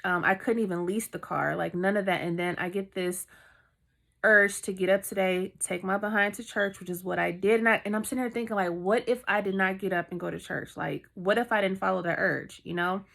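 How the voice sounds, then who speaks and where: Chatty woman with a creaky voice. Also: mid-range voice, fairly even intonation, fairly quick, a bit bright. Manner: heartfelt, chatty, full of fillers. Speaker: vlogger. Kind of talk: casual story time.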